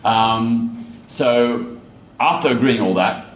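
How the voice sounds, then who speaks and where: A man, an activist, tells his story in a measured, emphatic way and repeats key phrases. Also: medium pitch. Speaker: activist recounting a protest. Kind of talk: storytelling talk. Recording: roomy echo.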